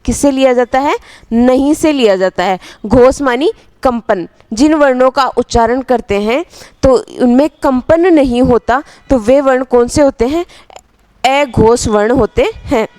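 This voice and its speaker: A woman teaching a grammar lesson, asking the class questions and answering them herself, repeating phrases slowly for dictation. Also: sits high, darkish tone, no room sound.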